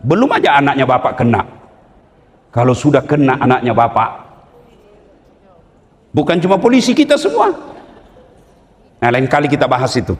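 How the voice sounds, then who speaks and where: A middle-aged man from South Sulawesi with a Bugis accent, preaching a humorous sermon with jokes and sudden loud, emphatic bursts. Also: medium pitch, sing-song, normal speed, long pauses, in a large hall. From South Sulawesi, Indonesia.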